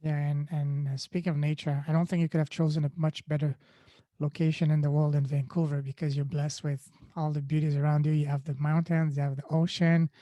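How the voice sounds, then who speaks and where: A man's voice: fairly high pitch, flat delivery, brisk, warm tone, no room sound, muffled recording. A man hosting a podcast, enthusiastic and effusive in his praise. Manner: enthusiastic, effusive, many fillers. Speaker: podcast host. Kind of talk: casual interview hosting.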